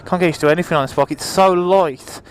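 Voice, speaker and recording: High-voiced man vlogging, raised over engine noise. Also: fast, low-quality recording. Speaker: motorbike vlogger. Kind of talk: casual vlog chat to viewers while riding. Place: outdoors, riding a motorbike on the road. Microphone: helmet microphone, visor open. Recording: helmet mic with engine and wind noise. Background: motorbike engine, wind, traffic.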